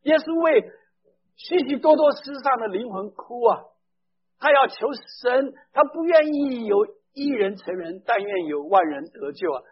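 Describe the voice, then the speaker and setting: A male preacher delivering a sermon with a strikingly high, husky voice. He talks with emphasis, keeps turning to his listeners with direct questions and slips English phrases into his speech. The recording sounds dull and lo-fi. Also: sing-song, measured pace.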